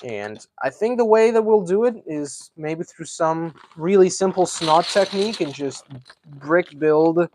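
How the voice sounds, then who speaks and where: A man's voice: fairly high pitch, lively intonation, measured pace, a little mellow, a little hiss or hum. A man hosting a casual live stream, chatting and thinking aloud as he builds, a self-described yapper. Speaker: livestream host.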